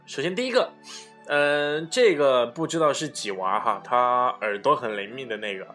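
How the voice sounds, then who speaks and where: A man's voice: medium pitch, expressive, normal speed, bright, forceful tone, soft background music. A man giving a casual dialect lesson, chatty and giggly, often correcting himself. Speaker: dialect teacher.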